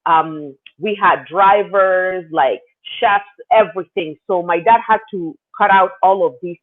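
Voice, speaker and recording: Heard through a tinny phone connection, a man's high voice moves at a measured pace. He is from South Sudan, lives in Canada, and rambles loosely through his story as an interview guest, using many fillers in his casual answers.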